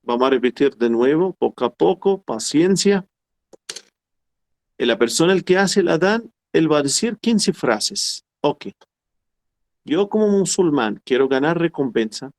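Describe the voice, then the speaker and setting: Middle-aged man teaching a class, slightly high voice, patient and repetitive. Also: animated, a little mellow. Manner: explains slowly and repeats phrases, quotes Arabic formulas. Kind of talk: online class lecture.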